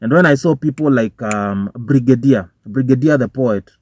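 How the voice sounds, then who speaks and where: With a medium pitch, moderate pace and darkish tone, a young Kenyan man offers casual commentary to camera from a parked car. His vlogging is informal and full of swearing, mixing English with Swahili slang in a Kenyan accent. The phone or camera on the dashboard produces a dull, dry car recording.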